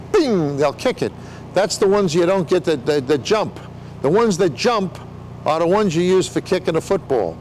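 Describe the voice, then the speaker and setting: A man's voice: sits high, a little mellow, slight background noise, low-quality recording. An older man explaining things in a casual interview, with rambling showman patter and joking asides. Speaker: veteran sideshow talker explaining flea circus.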